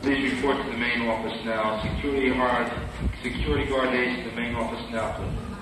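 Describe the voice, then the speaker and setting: A man making a clipped public address announcement over a school PA loudspeaker. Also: medium pitch, flat delivery, brisk, a little hiss or hum, low-quality recording. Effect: heard over a school PA loudspeaker.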